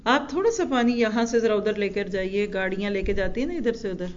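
A woman gives a religious lesson and keeps putting rhetorical questions to her listeners. She slows down to recite Arabic verses with care. The recording sounds a little dull and lo-fi. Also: medium pitch, slight background noise. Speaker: Quran teacher.

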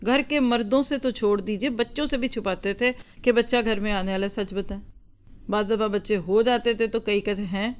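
A woman's voice: medium pitch, steady tone. A woman giving an earnest religious lecture on parenting, full of rhetorical questions and repeated parallel phrases. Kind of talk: Islamic lecture to an audience.

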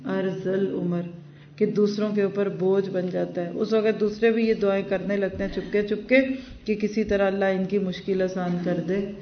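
A woman teaching a Quran lesson, reciting Arabic verses and then explaining them in a measured way, with stories along the way. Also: mid-range voice, flat delivery, slight background noise. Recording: roomy, distant, dull lo-fi recording.

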